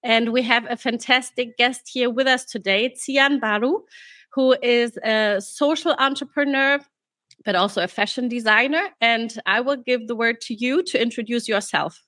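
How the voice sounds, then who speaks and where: A woman hosting an interview podcast, reading out prepared questions in a measured way. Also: fairly high pitch, bright, forceful tone, no echo. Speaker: podcast host.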